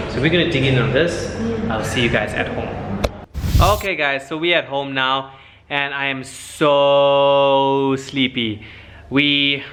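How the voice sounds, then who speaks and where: A man's voice: mid-range voice, a bit bright, a little hiss or hum. Chatty man. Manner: chatty, informal, addressing viewers as guys. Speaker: vlogger, airline cabin supervisor. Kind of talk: casual vlog chat to camera.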